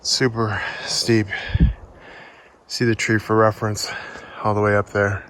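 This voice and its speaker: A man's voice: fairly low pitch, monotone, brisk, a bit bright, clean tone. Winded man vlogging on a forest trail. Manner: upbeat, encouraging, talks while hiking. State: out of breath. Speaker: solo backpacking vlogger. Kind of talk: casual outdoor vlog to camera. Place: outdoors in a forest.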